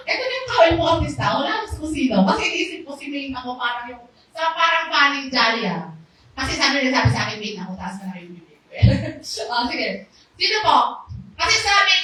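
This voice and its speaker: Woman with a loud, lively voice sharing a church testimony, a touch high, heard from a distance. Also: a little fast. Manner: loud, lively, animated storytelling. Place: small church hall. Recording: very echoey hall, voice far off, faint background noise.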